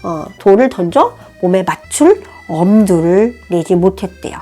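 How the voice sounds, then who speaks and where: A woman teaching Chinese, explaining a novel passage in a friendly, animated way. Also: mid-range voice, measured pace. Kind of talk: language lesson, reading a novel aloud and explaining. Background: soft background music.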